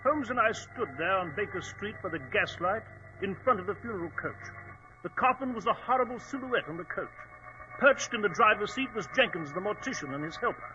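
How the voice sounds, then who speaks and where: An actor playing an earnest, easily flustered gentleman doctor and loyal companion in 1940s radio drama style. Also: high-pitched, noisy background. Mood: grave storytelling. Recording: dull vintage radio recording.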